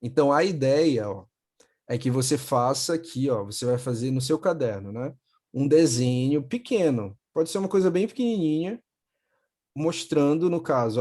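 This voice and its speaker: A young man with a Brazilian accent teaching English to children in a video call, patiently repeating words slowly. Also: fairly high pitch, dark tone. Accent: Brazilian Portuguese. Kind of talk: online class for children.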